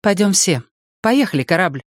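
Man voicing a high-pitched, decisive young woman. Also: sing-song, no room sound, studio quality. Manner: brisk, imperative. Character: young woman, decisive commanding leader with lively exclamations. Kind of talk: audiobook character reading.

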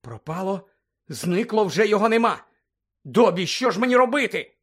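A man's voice: high-pitched, expressive, fairly quick, a bit bright, voice pushed up. An anxious teenage boy wizard, as a man reading a storybook puts him on, his voice lifted a little above a grown man's. He talks in strained, breathless bursts. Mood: panicked. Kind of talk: audiobook character voice.

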